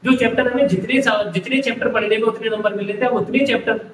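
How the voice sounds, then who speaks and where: A man's voice: extremely high pitch, steady tone, fast, roomy sound, recorded from a distance, a little hiss or hum, low-quality recording. A male tutor explaining an entrance exam syllabus, listing topics one by one and repeating himself. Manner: repetitive, lists topics one by one.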